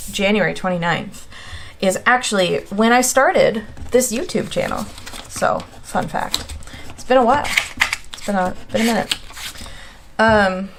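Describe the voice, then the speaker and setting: A woman chatting casually as she sets up a planner on video, counting aloud and laughing at her own slips. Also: mid-range voice. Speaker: planner vlogger. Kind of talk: casual chat while drawing a planner layout.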